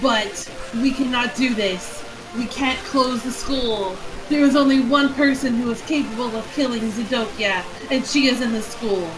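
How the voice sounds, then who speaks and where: A woman reading the lines of a weary old male headmaster in a comedic read-aloud, flat and matter-of-fact. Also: a little high, normal speed, hardly any pauses, recorded from a distance, close to an everyday voice, low-quality recording.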